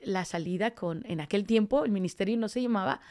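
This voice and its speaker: A woman's voice: medium pitch, brisk, a little mellow. A woman telling her personal testimony as a podcast guest, acting out the dialogue she recalls. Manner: storytelling, acting out quoted dialogue. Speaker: podcast guest, street evangelist.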